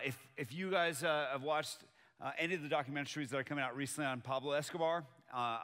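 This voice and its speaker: A man from Colombia, a native Spanish speaker, preaches to a church congregation in a chatty, personal tone. His voice is bright and forward. The sound carries a long hall reverb. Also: mid-range voice. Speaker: pastor. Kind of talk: sermon. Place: church auditorium with live audience.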